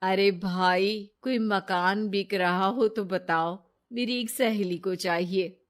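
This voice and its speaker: A woman voicing a jealous, scheming young woman friend in a storybook tale, talking loudly and whining. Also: medium pitch, fairly even intonation, takes it slowly, lightly acted.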